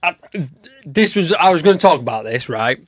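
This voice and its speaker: A man's voice: on the high side, animated, moderate pace, dry recording. Laddish, sweary man in matey banter. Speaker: podcast co-host.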